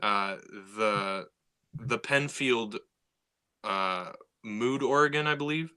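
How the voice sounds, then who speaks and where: On a podcast he co-hosts, a man talks slowly with a clean, medium-pitched, bright and forward tone. His conversation is lively, though he stumbles, restarting and repeating himself as ideas crowd in.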